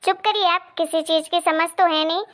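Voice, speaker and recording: Cartoon sister-in-law, bossy, sharp-tongued, high voice, a woman acting her. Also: fairly even intonation, moderate pace. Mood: angry. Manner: sharp, scolding. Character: bossy, quick-tempered married sister-in-law.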